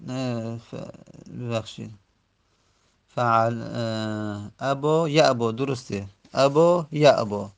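A man teaching an Arabic grammar lesson, reciting verb forms slowly and repeating them, pausing often and correcting himself. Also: medium pitch, gravelly, clean tone. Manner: slow, repetitive recitation of word forms; self-correcting, with frequent pauses.

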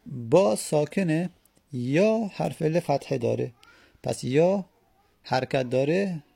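A man giving a lecture on grammar, asking questions and answering them himself, and stretching out each word form slowly syllable by syllable. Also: mid-range voice, creaky, mellow, slightly rough. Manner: drawn-out syllable-by-syllable spelling of word forms. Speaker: Arabic grammar teacher. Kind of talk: classroom lecture on Arabic morphology.

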